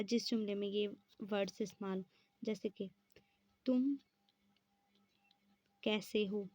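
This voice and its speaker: A woman's voice: medium pitch, dry recording. A woman teaching an exam-prep lesson, explaining step by step and answering her own questions.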